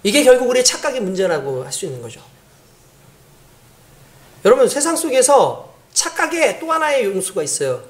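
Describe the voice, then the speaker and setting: A man's voice: very high-pitched, brisk, pauses often. A pastor preaching a sermon in a conversational way, asking the congregation questions and acting out the voices of people in his stories. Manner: animated, acts out quoted voices.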